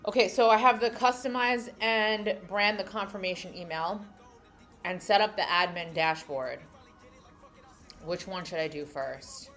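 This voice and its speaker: Soft music plays in the background as a young adult livestream host from New York City reads viewer comments, thinking aloud and chatting casually in a New York accent. She speaks in an unhurried, mid-range voice that is a bit bright.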